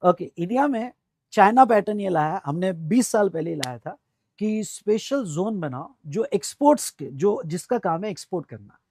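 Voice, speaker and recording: A man with an Indian accent teaching a tax class, drilling key phrases slowly and calling on students to repeat and answer. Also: high voice, lively intonation, a little mellow, dry recording. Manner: addresses students directly, calls for answers. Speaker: tax lecturer. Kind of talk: classroom lecture mixing Hindi and English.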